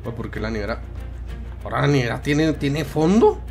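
A man's voice: mid-range voice, very animated, moderate pace, gravelly, a little mellow. A young man commenting on a horror game, jokey and acting scared, using plenty of slang. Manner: jittery, jokey, feigning fright, slangy. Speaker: gaming YouTuber. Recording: game music behind.

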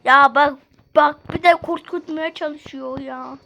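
A woman giving gameplay commentary, excitable, shrieking when scared and pleading or teasing with other players. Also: high voice, takes it slowly, creaky, muffled recording. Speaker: gamer playing online.

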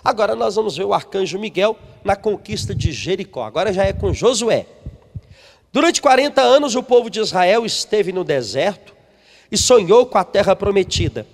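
A man's voice: high-pitched, expressive, normal speed, gravelly, big-room sound. A man, a missionary preaching a sermon, reading from a book and putting questions to the congregation. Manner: emphatic, asks the congregation questions.

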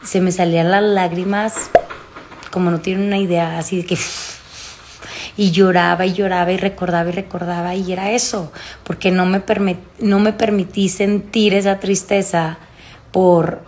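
A Mexican woman in her thirties speaks in a slightly low voice. She confides in her followers in casual, emotional, halting talk, recorded on a phone held at arm's length in a room at home. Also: level tone, darkish tone, a little hiss or hum. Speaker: vlogger. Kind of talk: casual confessional chat to followers. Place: small room at home, indoors.

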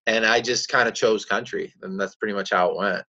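A raspy young Canadian country singer, appearing as a guest, answers interview questions in a relaxed, rambling way, laughing easily. His voice is fairly low and a little fast, and the dull, lo-fi video call audio sounds muffled, as if from a small room at home.

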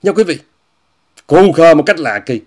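A man's voice: a little high, expressive, normal speed. A man hosting an online commentary monologue, addressing viewers, repeating phrases and mocking what he discusses. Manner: repetitive, often repeats phrases and says "quý vị" often; scornful, mocking tone.

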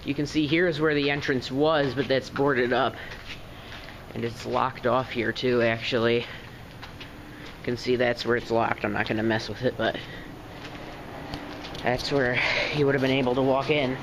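A man's mid-range, level voice moves at a normal speed, often pausing. He's a vlogger checking out a closed store, casually narrating his walk around the empty store and parking lot as he thinks aloud and is easily impressed. Traffic and outdoor noise sit under his speech.

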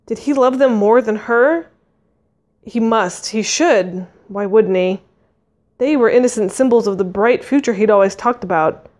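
A woman's voice: fairly high pitch, unhurried, darkish tone. A woman reading a fantasy novel aloud, narrating expressively and voicing the dialogue. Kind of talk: audiobook reading.

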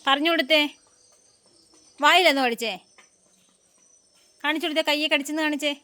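A woman's voice: high-pitched, steady tone, brisk, bright, forceful tone. A woman from Kerala vlogging at home, coaxing and scolding her pet dogs in doting baby-talk. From Kerala, India. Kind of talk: casual home vlog talking to pet dogs.

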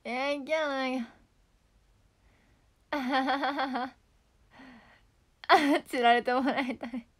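A woman's voice: high-pitched, fairly even intonation, slow, long pauses, a bit bright. A young woman idol chatting casually on a livestream, giggling often as she reacts to comments. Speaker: idol streamer.

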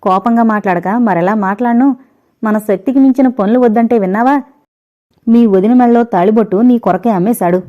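A woman's voice: fairly high pitch, fairly quick, natural voice. A woman voicing a distressed aging mother who speaks with reproach and sorrow in an audio novel, recorded on slightly dull, lo-fi audio. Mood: bitter, tearful.

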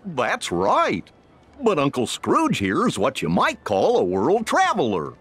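Goofy cartoon dog, husky drawl, wildly swooping pitch, amiable sidekick, game dialogue. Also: male voice, wildly swooping pitch, measured pace, a bit bright, heavily acted. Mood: amiable, easygoing. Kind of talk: animated video game acting.

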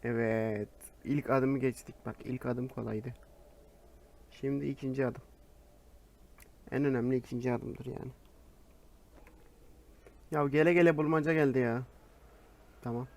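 A young man casually commenting on his own gameplay, talking to himself with sudden loud outbursts. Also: medium pitch, unhurried, vocal fry, long pauses. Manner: excitable, talks to himself, bursts into loud shouts.

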